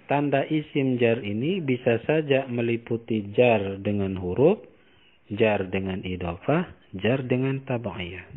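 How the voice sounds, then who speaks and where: Indonesian-accented male teacher, slow, deliberate delivery, reads then translates phrase by phrase, tinny phone-like sound. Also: fairly low pitch. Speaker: Islamic teacher. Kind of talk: classical text study lesson.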